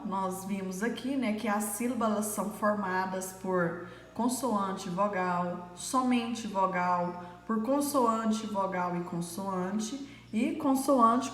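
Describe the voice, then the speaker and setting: Woman teacher for a recorded lesson, unhurried and patient, recorded in a reverberant room. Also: mid-range voice, fairly bright tone. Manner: slow, patient, with frequent fillers. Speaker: primary school teacher. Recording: echoey room with long reverb.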